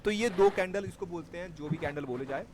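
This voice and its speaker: High-voiced male trading teacher. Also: fast talker, background noise. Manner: explains step by step, checks understanding with students. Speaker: stock market trading teacher. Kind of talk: live class explanation.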